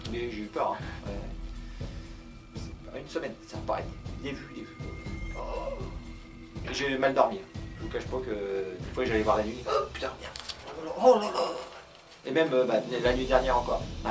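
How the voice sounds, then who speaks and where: A man hosting his own video channel in a casual comic monologue, rambling with many hesitations and frequent chuckles. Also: medium pitch. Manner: talks fast.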